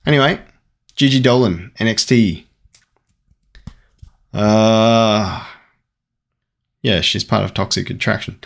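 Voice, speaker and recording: An Australian man chatting casually while opening trading card packs, rambling and getting excited at good pulls. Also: on the low side, slow pace, creaky, pauses often. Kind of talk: casual unboxing commentary.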